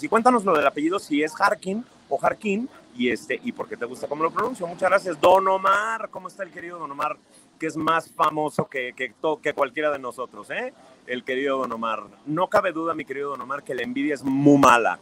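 A man's voice: medium pitch, fairly bright tone, poor audio. A man with a Mexican accent hosting a casual livestream, reading viewers' comments aloud in a chatty, affectionate, playfully teasing way. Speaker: livestream host.

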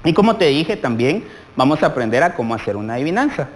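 A man's voice: on the high side, big pitch swings, fast talker, long reverb tail, poor audio. A man teaching a televised lesson to young children, asking them many questions directly. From Guatemala.

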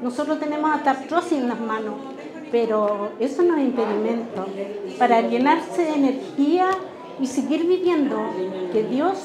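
A woman's voice: high voice, normal speed. An older woman, president of a retirees' craft workshop, giving an earnest, grateful news interview at an indoor exhibition. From Chile. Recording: roomy hall with crowd chatter.

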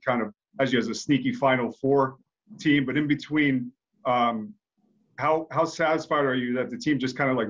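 A man's voice: mid-range voice, dull audio. A male reporter asking a long, rambling question at a press conference.

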